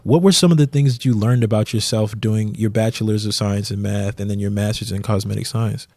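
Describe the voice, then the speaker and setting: A man hosting a podcast interview, asking questions casually and backing his guest up with quick affirmations. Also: lowish voice, fairly even intonation, a little mellow, dry recording. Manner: quick, supportive, frequent affirmations. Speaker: podcast host.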